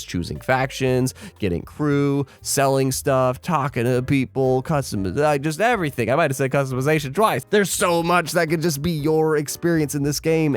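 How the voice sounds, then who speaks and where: A man talking as a gaming vlogger, giving casual, opinionated commentary to viewers in a rambling, conversational way. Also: medium pitch. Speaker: gaming vlogger, channel host.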